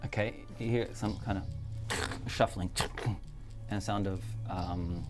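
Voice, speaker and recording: Female dungeon master, low and brisk; faint music behind. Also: steady tone. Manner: brisk, directive, prompts players. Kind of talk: running a tabletop game.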